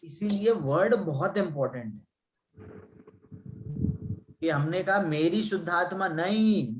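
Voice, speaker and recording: A man's voice: on the high side, a little hiss or hum, poor audio. A man teaching a religion class, asking students questions and explaining with everyday examples. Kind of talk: interactive class lesson.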